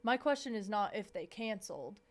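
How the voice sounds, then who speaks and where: A woman in her twenties co-hosting a podcast, chatting casually in a blunt, profane and animated way. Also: medium pitch, a little fast. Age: 20s. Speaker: podcast co-host. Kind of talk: casual chat.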